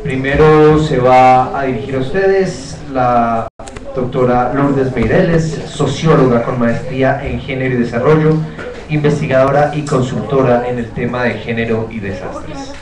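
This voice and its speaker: A man's voice: mid-range voice, lively intonation, measured pace. Echoey male conference moderator. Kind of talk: formal event announcements. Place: conference hall. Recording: echoey hall, distant mic, crowd.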